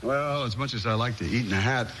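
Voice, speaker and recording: An actor playing a wry, reluctant middle-aged husband in a sitcom, with a dry delivery. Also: male voice, medium pitch, quick pace, noisy background, lightly acted. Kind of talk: sitcom acting. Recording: TV soundtrack with music and audience.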